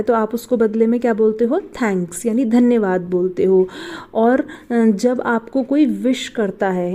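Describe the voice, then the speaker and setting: A woman's voice: medium pitch, warm tone. A woman teaching a beginner English lesson, spelling out words, asking what they are read as and patiently repeating each answer. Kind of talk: step-by-step spelling and pronunciation lesson.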